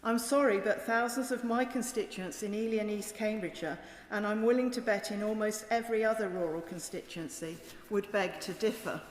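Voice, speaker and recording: A British woman speaking as a member of parliament, delivering a formal, emphatic and critical debate speech in measured oratory. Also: medium pitch. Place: large indoor debating chamber. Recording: echoey chamber with long reverb.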